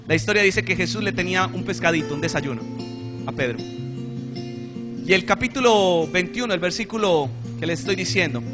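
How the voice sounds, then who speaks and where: Animated high-voiced male preacher. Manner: animated, storytelling, calls for amens. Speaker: pastor. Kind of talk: sermon. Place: church.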